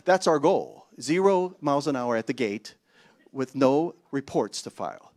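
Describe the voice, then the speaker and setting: A man preaching a sermon, telling a story with animated exclamations and chuckling asides. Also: mid-range voice, unhurried. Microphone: handheld mic.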